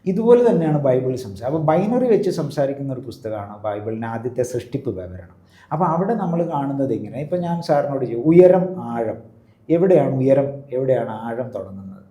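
A man's voice: medium pitch, big pitch swings, a little fast, warm tone. A priest explaining his views in an interview, in a teacherly way, often checking with the listener. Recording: roomy echo.

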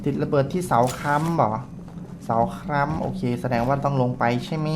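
A man's voice: on the high side, normal speed. A man gives casual let's play commentary, joking and swearing playfully as he plays. His tone is loose and chatty, with faint background noise. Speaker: gaming channel host.

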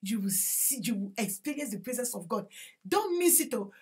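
A woman's voice: on the high side, very animated, normal speed, a little mellow, breathy edge. A woman preaching with fervent, repetitive exclamations and praise. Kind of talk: evangelical preaching.

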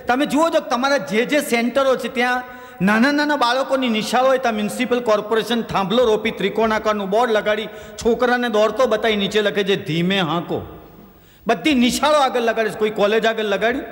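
A man telling stand-up jokes, slipping into quick character voices for the people in his stories. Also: extremely high pitch, fairly bright tone. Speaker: stand-up comedian. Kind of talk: stand-up joke telling in a stage show. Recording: long hall reverb.

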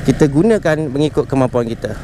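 A man's voice: mid-range voice, expressive, fast. A man with a Malaysian Malay accent vlogging casually while riding a motorcycle through traffic, chatty and often calling his viewers "guys". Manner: chatty, keeps calling viewers "guys", mixes in English words. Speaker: motovlogger. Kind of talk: casual riding vlog chat. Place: outdoors on a moving motorcycle in city traffic. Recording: wind and traffic noise.

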